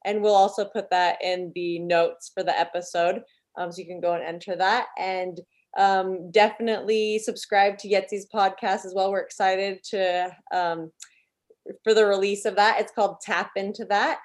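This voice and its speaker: Woman hosting a podcast, friendly, mid pitch, casual chat. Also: steady tone, normal speed. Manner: friendly, thanking and introducing the guest. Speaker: podcast host.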